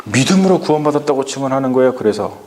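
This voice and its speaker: A man's voice: mid-range voice, expressive, racing, darkish tone. Male pastor, sermon delivery, asks the room questions, echoey sanctuary sound. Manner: questions the congregation, acts out Bible lines in dialect. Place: church sanctuary. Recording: echoey church hall.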